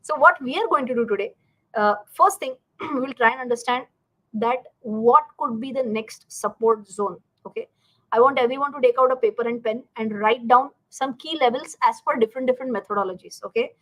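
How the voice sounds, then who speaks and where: A woman's voice: fairly high pitch, a little fast, low-quality recording. A woman with an Indian accent hosting a live-streamed lesson, speaking emphatically to her learners and often posing questions she answers herself. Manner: animated, emphatic, asks and answers own questions; addresses learners directly, checks in with "right" and "okay". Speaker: finance teacher and live stream host. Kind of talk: live stream lesson, chatty explanation to viewers.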